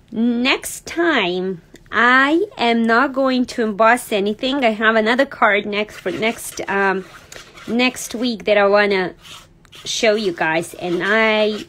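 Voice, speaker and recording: A woman's voice: on the high side, a bit bright, low-quality recording. A woman from Serbia, hosting a casual card-making livestream from her craft desk, chatting and thinking aloud as she works and laughing easily. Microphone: overhead camera on desk.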